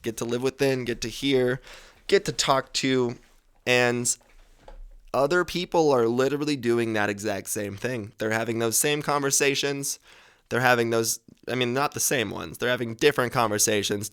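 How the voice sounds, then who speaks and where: A man's voice: medium pitch, a bit bright, clear, resonant tone. A man in his twenties hosting a podcast, giving advice in a casual, rambling monologue, swearing freely and correcting himself as he goes. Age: 20s. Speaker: podcast host.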